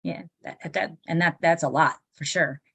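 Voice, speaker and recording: A woman's voice: deep voice, moderate pace, vocal fry, a bit bright, slightly rough. A woman hosting a podcast, asking loose, rambling questions in a casual way. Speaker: podcast host.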